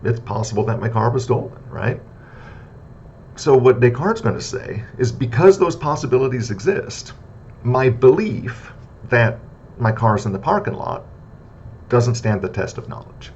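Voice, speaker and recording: A man lecturing on philosophy in a casual, conversational way, often checking in with "right?" and filling pauses with "uh". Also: animated, darkish tone. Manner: conversational, frequent "right?" and "uh" fillers; repetitive list-like debunking of myths. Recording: slightly dull lo-fi audio with faint rumble.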